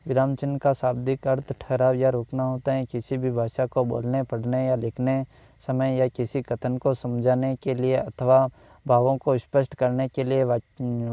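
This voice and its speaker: A man teaching a grammar lesson, repeating each phrase and pausing to think with restarts. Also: medium pitch, clean tone, dry recording. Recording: dull lo-fi dry recording.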